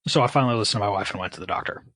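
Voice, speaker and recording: A man's voice: lowish voice, racing, fairly bright tone, no room sound, poor audio. A man speaking candidly and casually about his own experience, with wry, self-deprecating sarcastic asides. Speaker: podcast guest. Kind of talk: candid personal storytelling.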